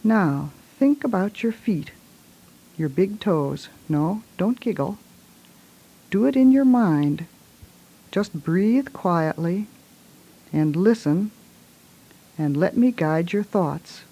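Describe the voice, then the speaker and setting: A woman leads a guided relaxation in a soft, hushed voice, giving gentle, soothing instructions in short phrases. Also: fairly low pitch, expressive, slow, pauses often, slightly rough, rough recording.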